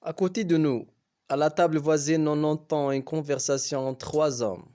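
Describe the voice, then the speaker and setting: A man who teaches French, reading a novel aloud slowly and carefully. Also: fairly high pitch, steady tone, dark tone. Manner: slow, careful storybook reading.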